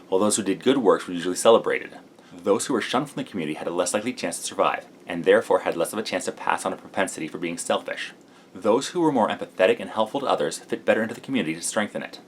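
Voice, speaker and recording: A man with a low voice speaks at a quick clip, sleep deprived, as he delivers a scripted explainer for his vlog. A faint layer of noise sits behind him. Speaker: vlogger.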